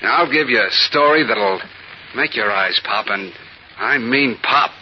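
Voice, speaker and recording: A man playing an injured, weary private detective in a 1940s radio drama, talking in halting slang. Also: medium pitch, animated, slight background noise, natural voice. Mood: dazed. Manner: slangy, halting, fumbling for words. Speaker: detective character. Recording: dull lo-fi old radio recording.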